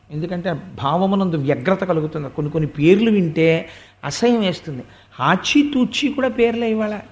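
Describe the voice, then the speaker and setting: A man giving a devotional sermon and telling a story in an emphatic way, stretching words for emphasis. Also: high voice. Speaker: religious discourse speaker.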